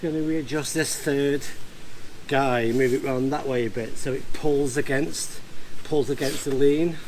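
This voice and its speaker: Working outdoors and in a barn, a ham radio vlogger talks through a hands-on job in a relaxed, hesitant, thinking-aloud way. He sounds steady, unhurried and slightly mellow in the mid range; the audio is low quality with clear on-site ambient noise.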